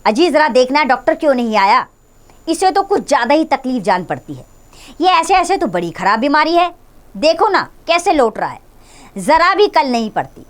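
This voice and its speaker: A woman's voice: high-pitched, sing-song, moderate pace, pitched above the performer's own voice. A woman voicing a worried mother who fusses anxiously over her sick son, reading a school play aloud. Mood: anxious coaxing. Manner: coaxing, anxious.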